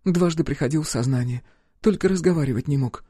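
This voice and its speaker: A man voicing a worried but steadfast wife at a hospital bed, speaking firmly and calmly in a raised voice. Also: a little high, quick pace, breathy edge, dry recording, clean studio sound, voice pushed up. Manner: firm and calm.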